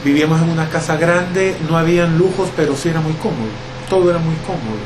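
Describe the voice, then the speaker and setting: Guy talking slow and thoughtful, fairly high voice, aircon humming in the room. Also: background noise. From El Salvador. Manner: reflective, many fillers and hesitations. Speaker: interviewee. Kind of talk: relaxed conversational interview.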